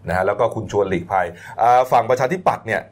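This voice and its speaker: A man hosting a casual political news talk show, brisk and polite, steering the chat and summing up results. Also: fairly low pitch. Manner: brisk, polite, wrapping up with polite particles.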